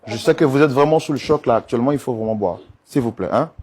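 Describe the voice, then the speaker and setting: A man hosting and mediating a couple's dispute, coaxing and calming them with polite, repeated requests. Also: medium pitch, fast, husky. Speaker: host and mediator. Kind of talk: talk show mediation.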